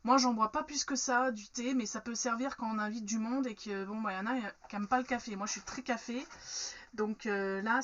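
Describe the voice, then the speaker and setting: A woman's voice: fairly high pitch, dull audio, noisy background. A woman chatting frankly through an unboxing, with many fillers. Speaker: unboxing vlogger. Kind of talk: casual unboxing chat.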